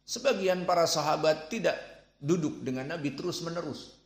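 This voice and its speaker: A man giving a religious lesson, speaking slowly and deliberately and sounding out Arabic syllables. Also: on the high side, roomy sound. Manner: slow, deliberate, demonstrates Arabic sounds aloud. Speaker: Quran recitation teacher.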